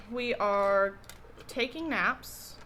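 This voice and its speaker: Drawing out her words in a sharp, slightly high voice, a young woman co-hosting an eating vlog chats casually while eating. She rambles and hesitates, full of fillers and restarts, with slight background noise.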